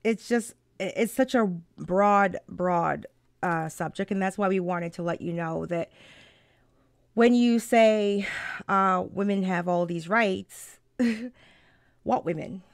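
A woman co-hosting a live-stream talk, chatting casually, animated and laughing often, with many restarts. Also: mid-range voice, takes it slowly, vocal fry, no room sound, studio quality.

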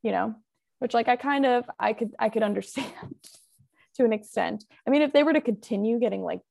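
Gravelly-voiced woman telling a crime story. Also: on the high side, a little fast, a little mellow. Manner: chatty, full of "like" and "um", laughs often. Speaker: podcast co-host telling a true-crime case. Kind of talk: casual true-crime podcast chat.

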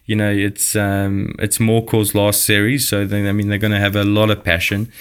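A man's voice: fairly low pitch, completely flat delivery, moderate pace, smooth. A man giving a casual, rambling cricket preview, hesitant and full of fillers. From South Africa. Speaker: guest cricket commentator. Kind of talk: casual podcast chat.

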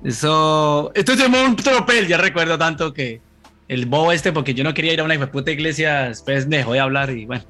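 A Colombian man in his thirties chats loosely and rambles, dropping swear words as he goes. His voice sits a little high and sounds bright and forceful. Faint music plays underneath. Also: quick pace. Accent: Colombian Spanish. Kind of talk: casual chat.

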